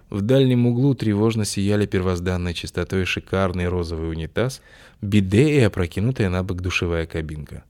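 A man with a fairly low voice reads a story aloud. His scripted narration is lively and ironic, lingering on odd details. The pace stays steady and easy to follow. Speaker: audiobook narrator.

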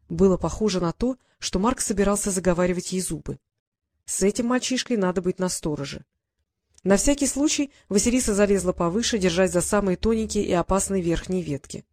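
A woman narrating an audiobook story in a steady, even storytelling voice. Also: mid-range voice, a little fast.

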